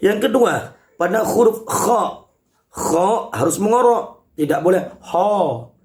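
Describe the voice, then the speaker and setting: A man's voice: high voice, lively intonation, slow pace, a little mellow. A man teaching Quran recitation rules in an online lesson, patiently explaining each point step by step. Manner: addresses listeners as congregation.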